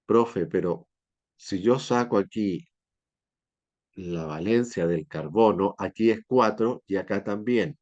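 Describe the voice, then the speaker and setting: Puzzled young student voice asking a question, as a male teacher puts it on, low and muffled. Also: slow, darkish tone, no room sound.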